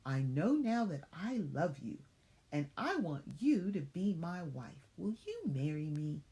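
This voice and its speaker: A woman's voice: sits low, big pitch swings, slow, warm tone, full character voice. Woman reading as an earnest male mongoose for a toddler. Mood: tender, earnest. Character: brave, earnest, lovestruck male mongoose in a storybook.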